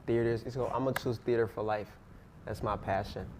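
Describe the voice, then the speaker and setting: Here a teenage student actor, speaking English as a second language, rambles earnestly through interview answers full of fillers. He talks quickly in a steady, mid-range voice. The background is noisy.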